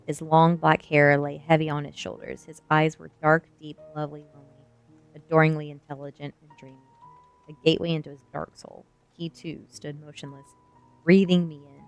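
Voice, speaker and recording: A woman streamer reads a novel aloud for ASMR, delivering dramatic first-person narration and chatting casually with her online viewers. Her voice is low-pitched with little pitch movement, at a moderate pace, and faint music plays behind her.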